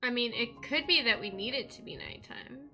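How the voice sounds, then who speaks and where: Laughing Canadian woman streamer with a high voice, over game music. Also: animated, normal speed. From West Coast of Canada. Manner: chatty, laughs often, thinks aloud. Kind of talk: casual livestream gameplay chat.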